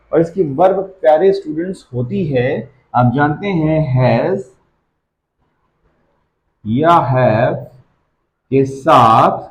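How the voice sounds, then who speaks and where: A man's voice: medium pitch, darkish tone. A man teaching a grammar lesson to students, repeating and drilling example sentences step by step. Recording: echoey dull-sounding room.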